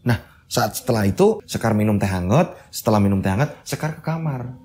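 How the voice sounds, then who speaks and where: A man's voice: fairly low pitch, lively intonation, fairly quick, a little mellow. A man hosting a channel and telling a horror story in a casual, chatty way, repeating phrases and adding asides.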